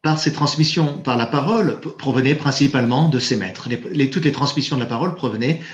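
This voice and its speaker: A man interprets a Buddhist teaching live, pausing and restarting as he searches for the right words. His voice sits at a middle pitch. The sound is roomy and a little dull, like a lo-fi recording of a hall. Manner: halting and self-correcting, searching for words.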